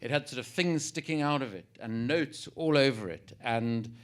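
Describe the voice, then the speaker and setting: A South African man answering as a panelist, measured and explanatory with a wry touch. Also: medium pitch.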